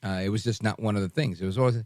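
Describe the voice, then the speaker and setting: A man's voice: fairly low pitch, rapid-fire, darkish tone, no echo, clean studio sound. A man hosting a radio talk show in a conversational style.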